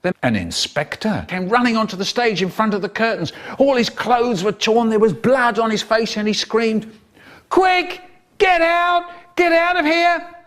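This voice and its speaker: A man's voice: lively intonation, a little slow. A man telling a story, his speech spliced together from separate clips with jarring jumps between words. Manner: jumpy, jarring shifts in pitch and loudness between words. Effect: spliced together word by word from clips.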